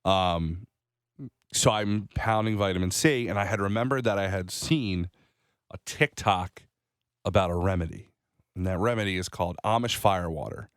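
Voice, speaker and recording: A man in his thirties co-hosting a morning show, telling rambling, animated stories with a slight cold. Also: deep voice, normal speed, clean tone, no room sound, studio quality. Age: 30s. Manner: rambling, animated storytelling with restarts. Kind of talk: casual radio chat.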